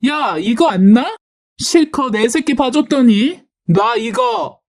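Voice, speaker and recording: A woman voicing a hot-tempered young woman who yells and accuses. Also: on the high side, expressive, moderate pace, voice pushed up, lightly acted. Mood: furious. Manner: yelling, accusing.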